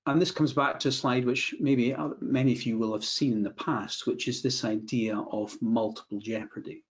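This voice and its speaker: A man's voice: medium pitch, fairly even intonation. Scottish man presenting a webinar. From Scotland. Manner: measured, repeats words when restarting phrases. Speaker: medico-legal adviser. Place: indoor room, video call.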